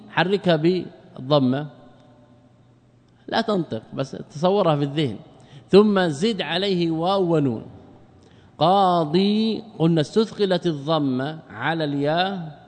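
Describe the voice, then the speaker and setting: A man teaching Arabic grammar in a classroom lecture, asking rhetorical questions, answering them himself, and slowing down to spell out word forms. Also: fairly high pitch, darkish tone, in a large hall.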